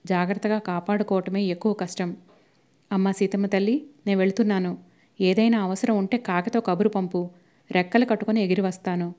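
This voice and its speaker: A woman voicing an elderly, kindly male family lawyer who gives slow, measured, fatherly advice in a storybook reading. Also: medium pitch, fairly even intonation, warm tone, natural voice.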